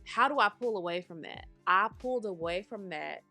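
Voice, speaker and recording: Faint music plays behind a thirties-aged woman podcasting from home, her slightly nasal, congested voice pushed and bright, medium in pitch and lively in intonation. She keeps a moderate pace and talks casually, addressing listeners as honey and baby.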